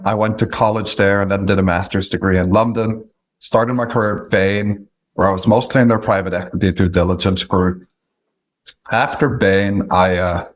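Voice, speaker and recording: A Norwegian man in his late thirties, speaking with a Norwegian accent, is a guest in an interview conversation. His low-pitched voice is measured, with frequent pauses.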